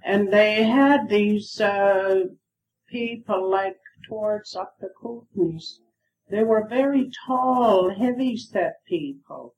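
A woman's voice: mid-range voice, slow pace, a little mellow, low-quality recording. A woman interpreting in an interview, hesitant and full of fillers, heard on old worn tape. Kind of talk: casual spoken translation. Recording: worn 1970s tape with faint hiss.

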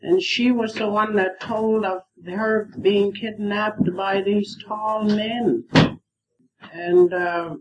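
Woman interpreter, halting, slow, faint tape hiss, old worn tape. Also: mid-range voice, fairly even intonation, dull audio. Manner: hesitant, many fillers. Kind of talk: casual spoken translation.

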